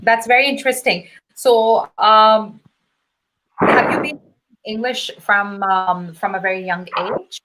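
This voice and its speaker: A woman teaching English as a live-stream host, chatting casually in clear, simple, encouraging phrases. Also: medium pitch, slow, a bit bright, slight background noise, low-quality recording. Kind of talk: casual live conversation class.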